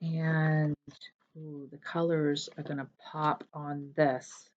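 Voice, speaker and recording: A woman's voice: low-pitched, little pitch movement, slow, muffled recording. A woman chatting casually as a cross-stitch vlogger, rambling a little and correcting herself as she goes. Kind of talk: casual show-and-tell chat.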